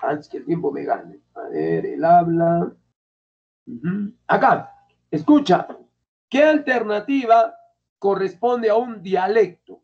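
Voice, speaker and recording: High-voiced teacher quizzing students. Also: male voice, animated, slow, vocal fry. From Peru. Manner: colloquial, keeps quizzing students. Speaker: language teacher. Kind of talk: classroom lecture. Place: classroom. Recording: dull lo-fi classroom recording.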